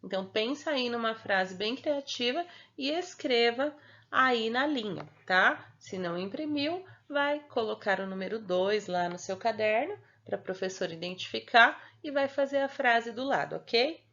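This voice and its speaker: A young woman with a Brazilian Portuguese accent explains a homework sheet to young children at a slow, patient pace. Her voice sits a little high and turns sing-song, and she keeps checking in with her pupils. The home recording sounds dull and lo-fi. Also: lively intonation, a bit bright. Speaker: primary school teacher.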